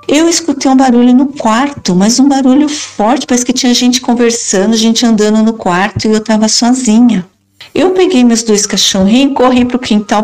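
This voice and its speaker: A woman's voice: on the high side, darkish tone. A middle-aged woman recounting strange events at her house in a first-person spoken account, acting out the dialogue as she tells it. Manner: earnest, retells dialogue in quotes. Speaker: storyteller recounting a haunted house.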